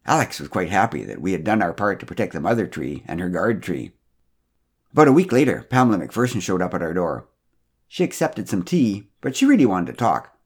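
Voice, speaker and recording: A man narrating a storytelling podcast in a gentle, wry manner. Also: low-pitched, very animated, a little fast, slightly rough.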